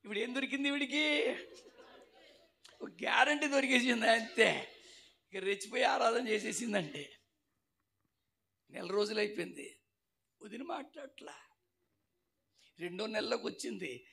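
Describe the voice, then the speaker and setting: High gravelly-voiced male preacher. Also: normal speed, pauses often. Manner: animated storytelling, acts out voices. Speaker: pastor. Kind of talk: sermon.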